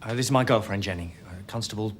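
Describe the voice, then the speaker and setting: An actor plays a nervous young man who stumbles through his answers when the police call. A clear hiss runs under the old broadcast audio. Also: fairly low pitch, fast, lightly acted. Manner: hesitant, flustered. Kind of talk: 1990s British TV police drama.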